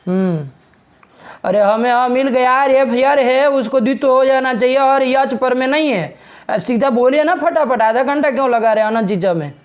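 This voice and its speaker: Brisk, scolding Sanskrit grammar teacher. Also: male voice, extremely high pitch. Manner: brisk, scolding, presses the student to speak plainly. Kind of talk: online grammar class.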